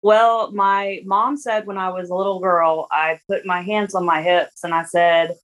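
A woman's voice: lowish voice, steady tone, unhurried, fairly bright tone, muffled recording. A woman in her forties, a guest in a casual interview, talking in a rambling way with many restarts and fillers. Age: 40s.

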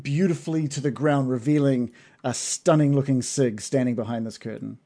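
A man's voice: medium pitch, normal speed, crowd noise. Laughing man running a tabletop game. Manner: laughs often, loose and playful. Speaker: game master.

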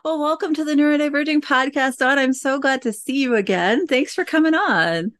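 A woman hosting a podcast, friendly and lively as she asks her guest questions. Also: high voice, a little fast. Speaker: podcast host. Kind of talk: interview conversation.

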